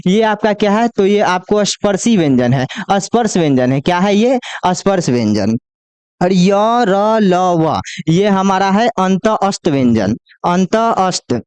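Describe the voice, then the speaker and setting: A man teaching Hindi grammar in a coaching class, who asks the class questions, answers them himself and draws the letters out slowly as he lists them. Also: high-pitched, darkish tone, smooth, no room sound. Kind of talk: classroom lecture.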